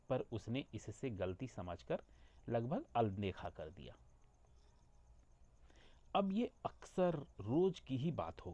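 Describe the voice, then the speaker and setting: A man's voice: lowish voice, dark tone, dry recording, lo-fi sound. A man narrating a family story, reading it out and voicing every character himself. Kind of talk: scripted narration.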